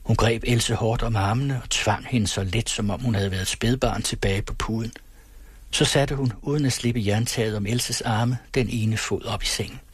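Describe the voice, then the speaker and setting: A man narrating a novel as an audiobook in a measured, steady way. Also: fairly low pitch, husky, no echo. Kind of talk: audiobook reading.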